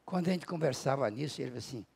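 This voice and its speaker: Gravelly, husky Brazilian male lecturer. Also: mid-range voice, lively intonation, rapid-fire. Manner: storytelling, acting out dialogue with big shifts in loudness. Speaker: spiritual lecturer. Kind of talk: spiritual lecture with personal anecdote. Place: lecture hall at a spiritist center.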